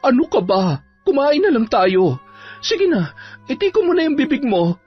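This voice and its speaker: A woman's voice: high-pitched, sing-song, normal speed, husky, exaggerated voice. A woman voicing a tired, patient mother and long-suffering wife. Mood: weary. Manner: tired, soothing, pleading. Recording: dull audio, soft music behind.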